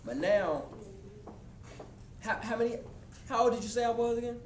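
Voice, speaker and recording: A man in his twenties giving a motivational talk to a live college audience, casual and animated, speaking straight to the crowd. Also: extremely high pitch, moderate pace. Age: 20s. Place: college hall before an audience. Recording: echoey hall with room noise.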